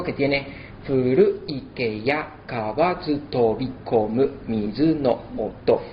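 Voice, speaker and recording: A man giving a lesson, slowing down to sound out words syllable by syllable. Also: a little high. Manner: spells out syllables slowly to demonstrate. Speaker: lecturer. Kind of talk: explanatory lesson. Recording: slightly dull, faint background noise.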